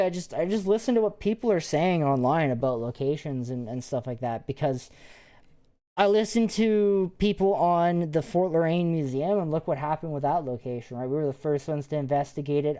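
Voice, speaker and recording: A woman's voice: deep voice, moderate pace, mellow. A woman, a paranormal investigator, chatting casually and rambling with restarts while live-streaming.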